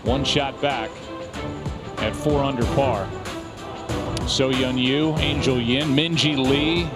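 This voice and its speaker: A man delivers live golf commentary as a broadcast announcer, listing standings. His medium-pitched voice has loud music playing underneath. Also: fairly even intonation, takes it slowly.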